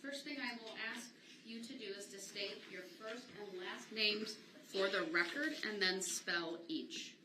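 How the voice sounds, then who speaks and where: A woman judge directing court procedure in a formal, brisk manner. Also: mid-range voice. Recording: echoey courtroom with background noise.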